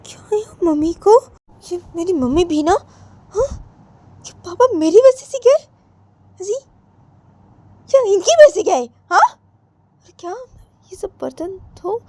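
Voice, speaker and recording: A woman's voice: very high-pitched, lively intonation, slow, long pauses, warm tone, no room sound, pitched above the performer's own voice, full character voice. A woman voicing a defiant young woman who whines, argues back and repeats herself in a storybook tale. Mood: grumbling. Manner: whiny, argumentative, repeats herself.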